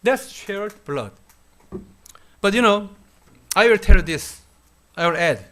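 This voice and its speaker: A man in his fifties from South Korea with a Korean accent, giving a university lecture in a halting, thoughtful way with frequent pauses. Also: high voice, animated, pushed and bright. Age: 50s. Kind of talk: classroom lecture.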